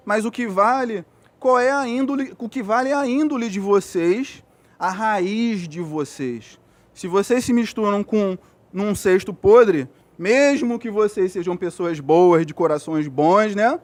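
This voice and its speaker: High-voiced Brazilian man giving a pep talk. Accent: Brazilian Portuguese. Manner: earnest, repetitive, checks with "né?" and "tá?". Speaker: physiotherapist giving a talk to young athletes. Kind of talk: motivational speech.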